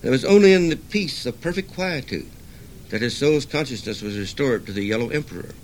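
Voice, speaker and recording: A man's voice: medium pitch, animated, brisk, a little hiss or hum, lightly acted, poor audio. Earnest young seeker of wisdom, read by an older man, sincere and questioning, storybook reading.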